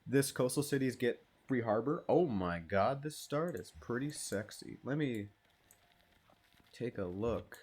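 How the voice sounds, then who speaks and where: A man's voice: mid-range voice, expressive, a little slow, darkish tone, husky. Laid-back, foul-mouthed gamer guy. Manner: laid-back, swears freely, self-deprecating. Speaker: gaming channel host. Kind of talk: casual gameplay commentary.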